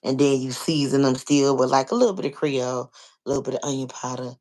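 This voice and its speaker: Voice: medium pitch, fast talker, darkish tone. An American vlogger chatting casually with listeners, explaining things step by step and often leaning on filler phrases like "you know.". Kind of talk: casual chat, answering listeners.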